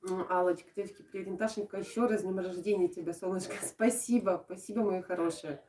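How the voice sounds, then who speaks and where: Young woman w odesa accent doing a casual livestream chat, kinda halting, echoey room, mic far away. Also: lowish voice, steady tone, warm tone, slight background noise. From Odesa region, Ukraine. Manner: affectionate, uses endearments and diminutive names. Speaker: craft video blogger and live streamer. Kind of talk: casual live-stream chat with viewers. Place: indoors at home. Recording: echoey room, distant microphone.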